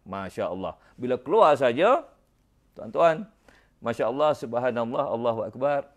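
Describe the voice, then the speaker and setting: A middle-aged man with a Malaysian Malay accent who tells a personal story as a preacher. He talks with animated exclamations and speaks directly to his listeners. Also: medium pitch, gravelly. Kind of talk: storytelling religious talk.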